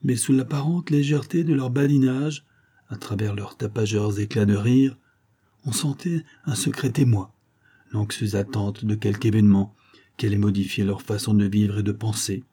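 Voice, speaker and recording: A man calmly narrating a novel as an audiobook reader, measured and even. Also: lowish voice.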